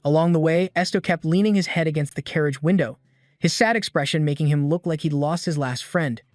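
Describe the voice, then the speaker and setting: A man reading a scripted story recap in a steady, even storytelling manner. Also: a little high, brisk, dry recording. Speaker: recap narrator. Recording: dry voice-over with soft music.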